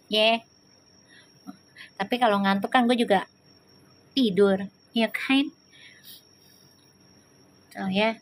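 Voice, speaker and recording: A woman's voice: sits high, a bit bright. A woman reads tarot on a live stream. She chats casually and teases her viewers, answering their comments as they come in. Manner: chatty and teasing, answers viewers' comments, laughs often.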